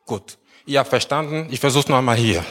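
A man preaching a sermon as pastor, slow and emphatic, often repeating words and phrases. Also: medium pitch, a bit bright.

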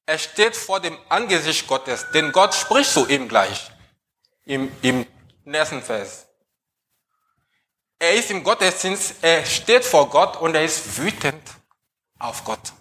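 A man preaching a sermon, putting slow, emphatic questions to the congregation. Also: on the high side, sing-song, pushed and bright.

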